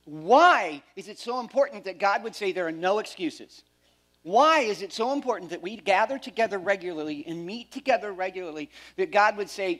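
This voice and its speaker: Standing on a church stage, a middle-aged male pastor delivers an animated, high-pitched sermon. He alternates loud, emphatic moments with quiet asides.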